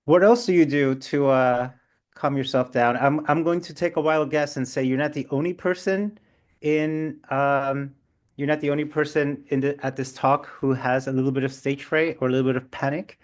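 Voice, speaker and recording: A man with a mid-range voice runs an online seminar discussion at a normal speed. He's chatty and animated as he reacts to participants, tossing in playful asides.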